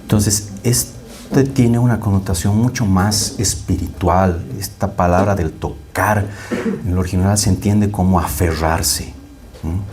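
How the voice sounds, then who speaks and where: Male pastor, deep and mellow, chatty sermon, faint hiss behind. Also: steady tone, unhurried. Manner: conversational, often asks "¿no?" to the congregation; restarts and repeats words while thinking aloud.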